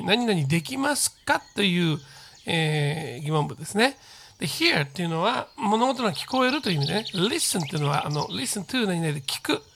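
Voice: medium pitch, fairly bright tone. Patient, hesitant English teacher drilling phrases. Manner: patient, repeats phrases slowly for drilling, with frequent hesitant fillers. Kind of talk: home-recorded English lesson with spoken drills.

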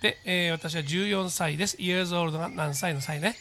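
A man's voice: fairly high pitch, pushed and bright, a little hiss or hum. Patient man teaching English. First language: Japanese. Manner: slow, deliberate model sentences for repeating; patient explaining, checks in with the listener. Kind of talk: spoken English lesson with repeat drills.

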